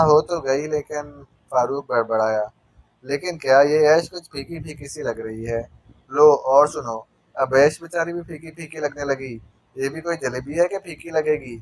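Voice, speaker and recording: A man's voice: medium pitch, no room sound. A man narrating a spy novel audiobook, reading the characters' banter with light voice changes.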